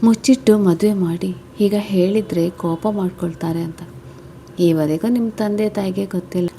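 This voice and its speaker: A woman voicing a gentle young husband who gives calm, reassuring explanations. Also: medium pitch, normal speed, slight background noise, close to an everyday voice.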